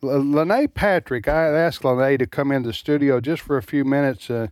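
A man hosting casual talk radio in a studio, folksy and halting, often repeating words. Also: medium pitch, darkish tone, no room sound. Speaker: radio host, ministry president.

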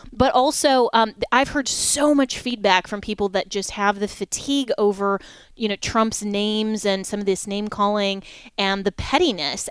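A woman's voice: mid-range voice, a bit bright, clear, resonant tone, dry recording. A woman hosting a call-in talk radio show, chatting with callers and giving her opinions in a conversational way.

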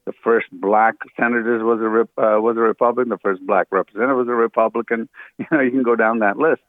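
Heard through a dry, tinny phone line, a man speaks quickly at medium pitch with fairly even intonation. A guest in a radio interview who was born in Ghana and grew up in Africa, he earnestly explains his view, stumbling through many fillers and restarts.

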